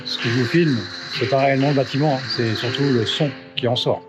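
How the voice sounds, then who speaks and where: A man's voice: medium pitch, fast, loud music behind the voice. A man from France guiding viewers through a town in a casual travel vlog, thinking aloud with many fillers and restarts, recorded outdoors on a handheld camera. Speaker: travel vlogger. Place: outdoors in town streets and on a bridge. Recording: muffled with loud outdoor noise. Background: outdoor ambience and wind.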